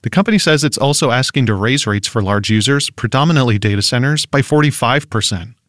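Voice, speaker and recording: Steady male radio reporter, dry read. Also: medium pitch, a little fast, no echo. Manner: steady, informative delivery. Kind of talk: scripted news narration. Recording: dry studio voice-over.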